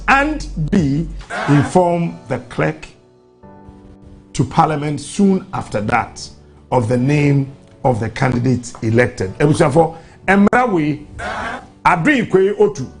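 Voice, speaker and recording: A man with a Ghanaian accent, hosting a live radio show, reading out and explaining formal text in a deliberate way, repeating phrases for emphasis. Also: fairly high pitch, gravelly. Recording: music behind the voice. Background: music.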